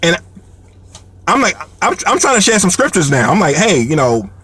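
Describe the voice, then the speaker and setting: A man's voice: high-pitched, normal speed, husky, no echo. A man telling a comic story in a rambling way, full of fillers and repeated words, laughing as he goes. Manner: animated, laughs between lines.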